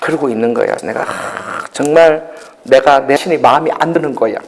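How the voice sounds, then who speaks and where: A female pastor preaching with personal testimony, swinging between loud exclamations and soft asides and laughing at herself. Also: a bass voice, normal speed, background noise. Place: church hall. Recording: long hall reverb.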